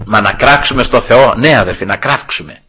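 Bright, husky-voiced male preacher. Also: mid-range voice, low-quality recording. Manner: retells scripture dramatically, often addressing the brothers. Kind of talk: sermon.

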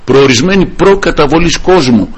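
A man's voice: a little high, expressive, breathy edge, low-quality recording. A man preaching a sermon. He speaks fervently, calls his listeners brothers and breaks in often with short cries of praise. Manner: fervent, punctuates with repeated praise exclamations.

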